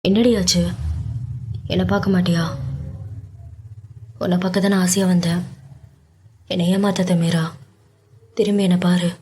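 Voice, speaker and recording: A woman voicing an affectionate young man who coaxes and teases his love with brisk, playful talk in a storybook romance. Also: on the low side, flat delivery, dark tone, slight background noise, natural voice. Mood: coaxing. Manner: brisk, coaxing and teasing. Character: affectionate wealthy young man, teasing and devoted.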